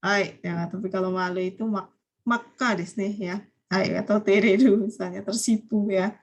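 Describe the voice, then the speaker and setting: A woman's voice: medium pitch, fairly even intonation, normal speed. A woman teaching a vocabulary lesson over a video call, explaining patiently, quizzing her students and mixing Japanese words into her talk. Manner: explains patiently, often asks students questions.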